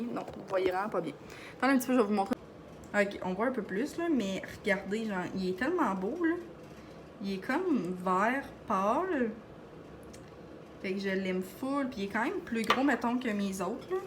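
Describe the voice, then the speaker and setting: A young woman with a Beauce Quebec accent chatting to camera in a fast, excited way, full of fillers. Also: medium pitch, slight background noise. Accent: Beauce Quebec French. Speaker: vlogger. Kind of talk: casual chat to camera.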